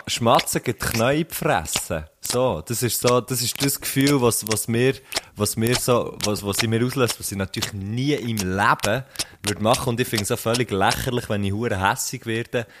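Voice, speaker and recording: A man's voice: lowish voice, moderate pace, noisy background. Rambling Swiss German man, casual chat. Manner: rambling, many restarts, swears. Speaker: podcast co-host, teacher.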